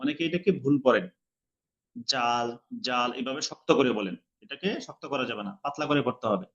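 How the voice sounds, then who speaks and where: A male teacher giving an online lesson on how to pronounce letters, slowly and patiently repeating each sound and sometimes chanting it drawn out. He speaks with a Bangladeshi Bengali accent. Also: medium pitch, expressive, muffled recording. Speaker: Quran recitation teacher.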